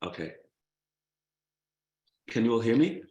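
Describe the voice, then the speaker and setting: A man's voice: mid-range voice, sing-song, slow, mellow, echoey room, highs cut off. A man, a bit out of breath, introducing a guest speaker in a chatty way over a video call. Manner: chatty, laughs easily, restarts phrases.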